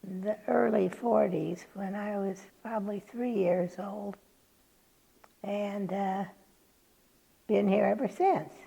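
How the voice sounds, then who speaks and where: A woman reminisces in an interview, speaking haltingly with pauses, in a slightly dull recording. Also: mid-range voice, fairly even intonation, gravelly, warm tone, husky. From California, United States. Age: 80s. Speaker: oral history interviewee.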